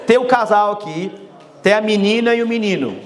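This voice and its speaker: A man giving a motivational talk, energetic and joking, speaking straight to the audience. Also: high-pitched, a little fast.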